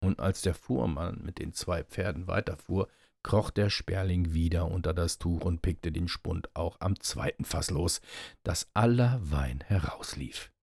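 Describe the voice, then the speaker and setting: Man, deep voice, husky, fairy tale reading, steady storytelling. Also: a little slow, dry recording, studio quality. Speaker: narrator.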